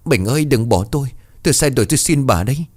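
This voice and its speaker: A man's voice: medium pitch, animated, fast, a little mellow, no room sound, pitched above the performer's own voice, lightly acted. A man voicing a grief-crazed older village chief who wails and rants. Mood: anguished pleading. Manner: wailing, ranting.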